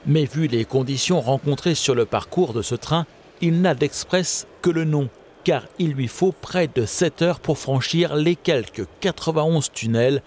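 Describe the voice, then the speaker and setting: A man giving steady, scripted documentary narration. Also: a little high, measured pace, slight background noise. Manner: steady, informative.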